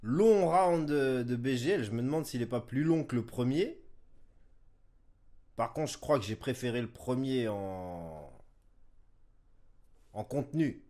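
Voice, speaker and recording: A man's voice: mid-range voice, animated, measured pace, pauses often, darkish tone. A man streaming a reaction, commenting casually and thinking aloud with hesitations. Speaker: streamer reacting to a rap battle.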